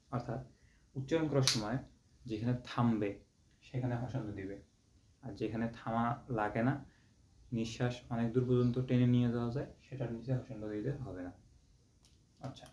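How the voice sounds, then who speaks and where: A young Bangladeshi man with a warm, medium-pitched voice teaches an online exam-prep lesson at a brisk pace, holding a steady tone and pausing often. He's patient, repeating things and drawing syllables out to demonstrate. The audio is a dull, roomy home recording with a faint hiss.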